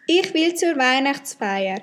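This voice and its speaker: A woman voicing an impatient mother in her forties in an amateur radio play, with a high voice. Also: lively intonation, takes it slowly, a bit bright, a little hiss or hum, heavily acted. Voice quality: impatient, scolding. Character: impatient mother of forty-five.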